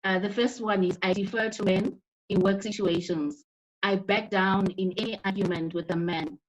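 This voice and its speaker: A woman speaks earnestly over a video call whose connection keeps breaking up. She often restarts her phrases. Her voice sits at an ordinary pitch, and the audio is dull and lo-fi. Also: steady tone, normal speed. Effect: choppy, breaking-up video call connection. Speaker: panelist. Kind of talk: online panel discussion. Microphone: video call microphone.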